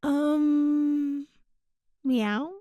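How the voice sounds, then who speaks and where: For an audio roleplay, an ASMR performer voices a young cat-girl burglar, sly yet pitiful, who sounds sheepish, flustered and defensive. Her voice sits high and warm, with drawn-out words and slight background noise.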